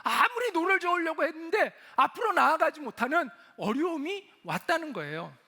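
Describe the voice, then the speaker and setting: A man's voice: very high voice, big pitch swings, moderate pace, sharp tone. A middle-aged male pastor preaching a sermon, telling the story with animation and acting out the quoted lines.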